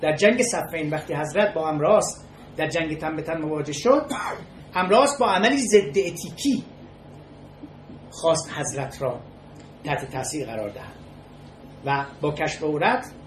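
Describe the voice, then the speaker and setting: A measured lecturer talks in short, halting phrases and often repeats a key word before moving on. The voice sits at an ordinary middle pitch. It echoes around the room, with a faint hiss of noise underneath. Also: big pitch swings. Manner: measured and halting, restating key words and pausing between phrases. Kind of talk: spoken lecture on ethics with storytelling.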